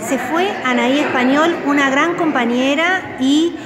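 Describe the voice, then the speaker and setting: A woman news reporter with an Argentine Spanish accent, asking brisk interview questions on location. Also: high-pitched. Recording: echoey hall with crowd chatter.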